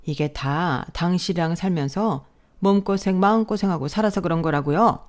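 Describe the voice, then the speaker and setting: A woman voicing a spiteful, sharp-tongued older mother-in-law who scolds in a raised, shrill voice in a radio drama. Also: normal speed, lightly acted. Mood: indignant.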